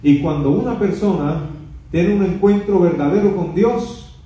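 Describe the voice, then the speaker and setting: A man preaches a Bible study sermon with emphatic delivery and a mellow, dark tone. He is heard from away from the microphone. The room echoes strongly and the sound is dull. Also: sits high, expressive, measured pace, distant mic. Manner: emphatic, dramatizes scripture quotes. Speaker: pastor teaching a Bible study.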